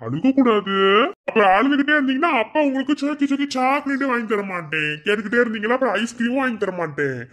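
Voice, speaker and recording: A man with a Madurai Tamil accent voicing a village brother-in-law and doting father in a cartoon, joking with family and softly coaxing his child. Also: extremely high pitch, expressive, quick pace. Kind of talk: cartoon voice acting.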